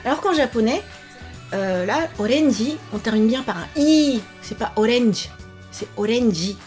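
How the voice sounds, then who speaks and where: A cheerful young woman teaching a language video lesson, repeating each word slowly and clearly. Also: fairly high pitch, expressive, darkish tone, faint music behind.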